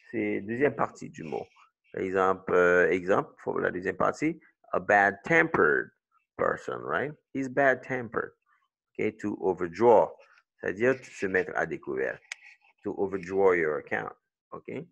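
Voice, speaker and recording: Slow, gravelly-voiced male English teacher. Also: fairly low pitch, fairly bright tone. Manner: checks in often with "okay" and "all right". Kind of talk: explaining pronunciation rules, switching between English and French.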